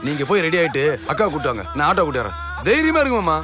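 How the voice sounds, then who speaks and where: Take-charge brother, high and brisk, music in the background. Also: male voice, wildly swooping pitch. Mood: reassuring. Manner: reassuring, brisk, takes charge. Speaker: brother-in-law of the father. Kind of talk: film drama acting.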